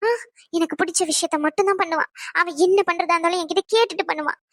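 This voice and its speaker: A woman voicing an indignant young bride in a cartoon, scolding in a sharp, rapid way. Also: very high voice, fairly even intonation, no echo, studio quality. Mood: angry. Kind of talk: cartoon voice acting.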